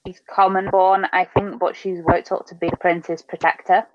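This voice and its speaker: A woman's voice: on the low side, level tone, moderate pace, muffled recording, a crowd in the background. A woman chatting enthusiastically about fantasy books with friends. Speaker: book club co-host. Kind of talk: casual book chat.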